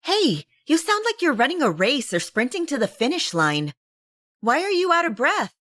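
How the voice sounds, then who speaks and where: A woman voicing a lively young woman, a student kid sister with a breezy, wheedling way of talking. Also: sits high, normal speed, no echo, clean studio sound, pitched above the performer's own voice, full character voice. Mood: bright, wheedling.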